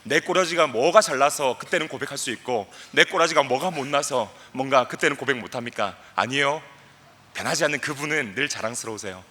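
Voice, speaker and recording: A young man giving a playful, animated talk to a youth camp audience, acting out voices and leading the crowd in chants. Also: medium pitch, brisk. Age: young adult. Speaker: guest speaker at a youth camp.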